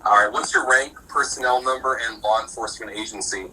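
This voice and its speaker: A man serving as a court commissioner, heard over a phone speaker, asking formal, measured questions in a polite, procedural way. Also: on the low side, steady tone, pushed and bright, breathy edge. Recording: phone speaker heard from a distance, faint noise.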